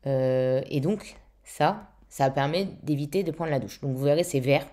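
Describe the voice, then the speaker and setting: Young woman, very low voice, warm and dark, casual vlog chat, lots of fillers, casual swearing, slightly weak throat. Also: normal speed. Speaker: vlogger.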